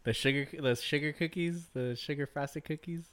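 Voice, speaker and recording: A man's voice: on the high side, moderate pace, fairly bright tone. A laid-back man in a casual chat, talking hesitantly and a little mumbled.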